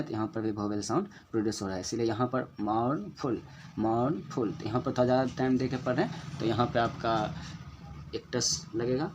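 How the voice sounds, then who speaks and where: A man teaching a lesson on poetic meter, going step by step, asking and answering his own questions and slowly repeating example words to show their stress. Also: mid-range voice, lo-fi sound, noisy background.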